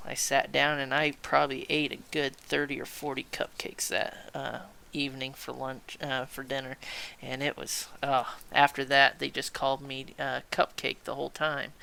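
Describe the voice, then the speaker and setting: A man co-hosting a gaming podcast, telling a story in a casual, animated way. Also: mid-range voice, vocal fry, smooth. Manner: animated, acts out loud shouted quotes in stories. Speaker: podcast co-host.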